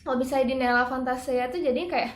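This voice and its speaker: A woman's voice: high-pitched, quick pace, roomy sound, very noisy. A woman teaching singing in a casual, chatty way, breaking into operatic phrases to demonstrate.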